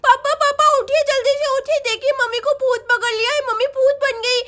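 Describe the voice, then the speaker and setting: A woman's voice: very high-pitched, steady tone, a little fast, fairly bright tone, voice pushed up. A woman voicing a frightened young schoolgirl doll who talks in panicky, tearful exclamations. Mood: scared.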